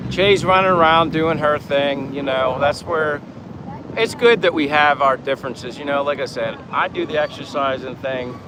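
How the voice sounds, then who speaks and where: A livestream vlogger chats casually and meanderingly outdoors in the Philippines during the day, reading out viewer comments. He has a fairly high pitch and a moderate pace. Wind, vehicles, and other outdoor ambience make the recording noisy.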